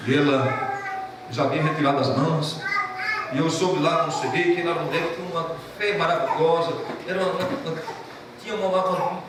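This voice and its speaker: A man preaching in a fairly high voice, passionate and moved, his words swelling with conviction. He is captured from a distance in a very reverberant church. Steady background noise sits under his voice. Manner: impassioned preaching, emotional storytelling. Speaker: pastor. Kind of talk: sermon. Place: church sanctuary. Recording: echoey church from a distant mic, noisy.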